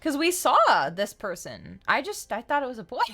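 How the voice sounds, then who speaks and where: Excitable woman streamer, high voice, pitch jumping all over. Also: faint music behind. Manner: excitable, reacts loudly with quick repeats. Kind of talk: casual game playthrough commentary.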